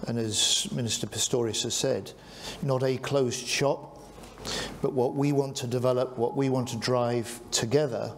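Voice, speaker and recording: A man hosting a press conference as defence secretary, calling on reporters by name and answering their questions in a measured way. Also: mid-range voice, fairly even intonation, slight background noise.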